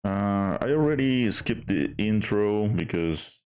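A male streamer with a low, smooth, clear voice chats casually over a game. He talks slowly and hesitantly, full of fillers and restarts. Faint music plays behind him. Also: expressive, a little mellow.

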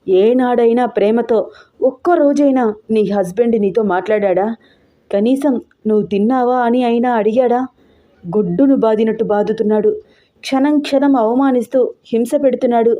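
A woman voicing a lovesick, insistent young man who speaks in a lowered, pressing voice in an audio story. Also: normal speed, lo-fi sound, lightly acted.

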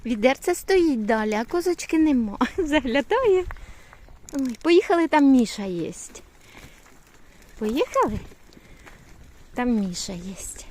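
A woman's voice: sits high, big pitch swings, takes it slowly, pauses often, a little mellow. An older woman from Ukraine chatting casually in cooing baby talk to a toddler while walking outdoors in a yard. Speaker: grandmother vlogger. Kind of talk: casual chat while babysitting.

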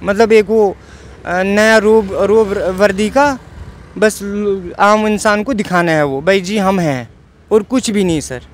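A young man with a Kashmiri accent tells his story in an earnest, pleading way, often repeating himself. His voice sits high for a man. Faint street traffic hums behind him outdoors. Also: slow pace. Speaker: interviewee, assault victim. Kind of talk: emotional eyewitness account.

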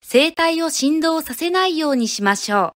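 A woman from Japan teaching pronunciation, speaking clearly and deliberately and modeling each syllable one at a time. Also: high-pitched, expressive, fairly bright tone, dry recording, studio quality. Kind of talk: slow, careful teaching of pronunciation.

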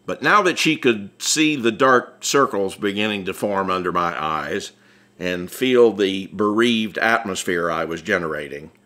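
Reading his memoir aloud as an audiobook, this Atlanta-born American man has a low-sitting voice with a sharp tone. The storytelling is wry and conversational, scripted first-person narration of a conversational memoir.

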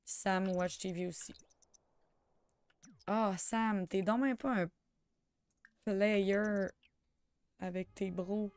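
A young woman with a Quebec French accent chatting through a life-sim game, excitable and sprinkling in English slang. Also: mid-range voice, drawn-out words, long pauses. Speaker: gamer. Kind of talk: let's play commentary.

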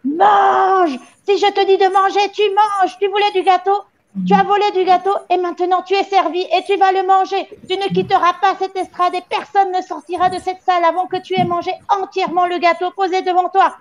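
A woman reader voicing a furious, tyrannical headmistress who screams high, harsh orders at a child in a storybook reading. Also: flat delivery, brisk. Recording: dull lo-fi audio.

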